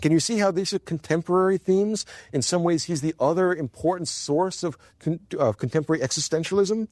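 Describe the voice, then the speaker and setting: Wry, animated male philosophy lecturer. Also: fairly high pitch, fairly quick, dry recording. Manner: expressive, wry, chuckles mid-sentence. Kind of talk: university lecture.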